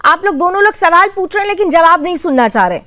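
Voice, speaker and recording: Woman news anchor, very high voice, firm and brisk in moderating panelists. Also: animated, pushed and bright. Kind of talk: moderating a TV debate.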